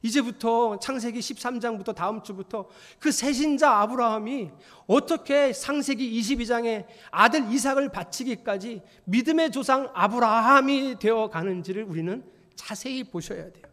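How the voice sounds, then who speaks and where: A man preaching a Sunday sermon to his congregation. His voice sits high and rises to loud, emphatic exclamations before falling to near-whispers. A long reverb from the church hall trails behind every phrase. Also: moderate pace. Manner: animated, swings from loud exclamations to hushed whispers. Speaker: pastor. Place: church sanctuary.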